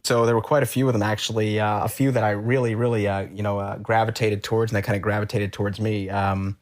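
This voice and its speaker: A man from the Boston area sits as an interview guest and tells his story in a loose, unhurried way. His voice sits fairly low, and he keeps stopping for little fillers and restarts as he talks. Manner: relaxed, rambling, many uh fillers and restarts. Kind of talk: casual storytelling.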